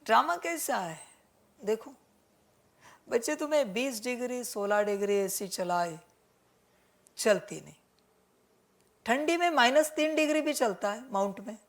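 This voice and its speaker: Woman preacher, slow and gentle scolding, calls everyone kids, keeps repeating herself. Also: on the high side, animated. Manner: gently admonishing, repeats the same points; mixes English words into Hindi. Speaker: spiritual teacher. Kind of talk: spiritual sermon addressing listeners as children.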